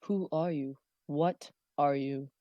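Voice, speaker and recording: A woman's voice: low voice, fairly even intonation, slow, no echo, highs cut off. A woman playing a terse, guarded adventurer. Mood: wary.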